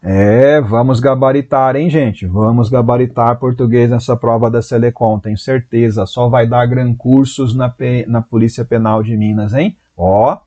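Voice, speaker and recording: A Brazilian man teaching Portuguese in a live online exam-prep class, talking in a lively, chatty way and answering viewers by name. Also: medium pitch, moderate pace, few pauses, muffled recording. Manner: voices students' doubts in a raised voice.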